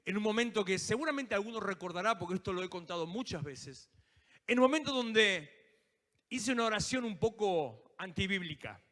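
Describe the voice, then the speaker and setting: A man preaching a sermon with a Rioplatense Spanish accent, acting out quoted prayers with lively asides. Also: high voice, normal speed. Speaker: pastor. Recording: live church service in a reverberant hall.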